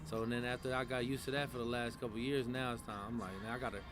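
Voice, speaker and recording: A man's voice: mid-range voice, flat delivery, rapid-fire. A man, a rapper talking casually in an interview, loose and slangy with many fillers and restarts. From San Francisco Bay Area. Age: 20s. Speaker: rapper guest.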